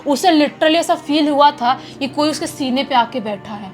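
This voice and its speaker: A woman's voice: high-pitched, normal speed. A woman telling a true horror story in a chatty, casual way, often repeating words for effect.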